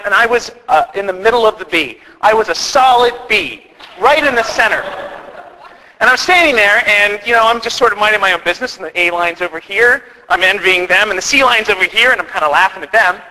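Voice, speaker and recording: A man's voice: high voice, fairly quick, pushed and bright, in a large hall, low-quality recording. A man who is a priest, telling a chatty, self-deprecating comedy story to a live audience and acting out the quotes. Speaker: priest doing stand-up comedy. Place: parish hall with live audience.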